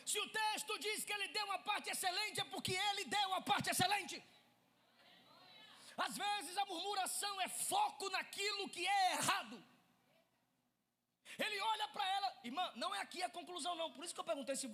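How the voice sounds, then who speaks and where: A man preaching a Pentecostal sermon, shifting from shouted lines to quiet asides and calling out to the congregation. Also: very high-pitched. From Brazil.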